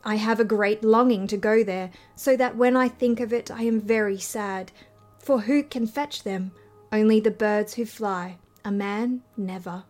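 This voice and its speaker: A woman's voice: mid-range voice, measured pace, a little mellow, faint music behind, lightly acted. A woman voicing a young witch maiden who speaks sweetly and pleadingly in a fairy tale reading.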